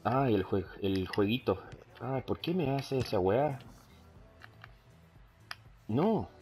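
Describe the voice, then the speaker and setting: With faint music behind him, a man of medium pitch speaks slowly, commentating a football video game in a casual YouTube style. He is an English speaker whose learned Spanish sounds Chilean, and he flips between both, full of hesitations and fillers, erupting loudly when plays happen.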